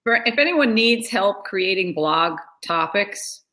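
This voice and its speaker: A woman hosting a casual podcast interview, asking brief, relaxed questions and plugging her own resources. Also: medium pitch, takes it slowly. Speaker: podcast host.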